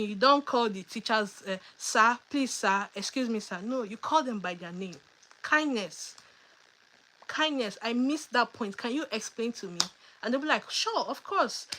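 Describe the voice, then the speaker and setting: A woman's voice: medium pitch, rough recording. Chatty woman hosting a livestream. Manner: chatty, reads viewer questions aloud; animated, emphatic, teasing asides. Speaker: livestream host. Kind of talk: casual livestream Q&A.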